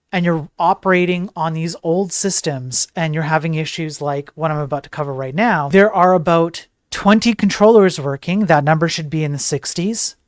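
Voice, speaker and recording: A programmer who streams tech news gives opinionated, emphatic commentary, wandering off on tangents and throwing in rhetorical questions. His voice is fairly high, and the recording is dry and studio-clean.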